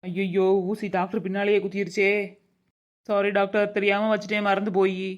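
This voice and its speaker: A voice actor playing a scatterbrained young village nurse in a cartoon comedy, blunt and quick, with a Madurai Tamil accent. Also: mid-range voice, flat delivery, natural voice. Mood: flustered.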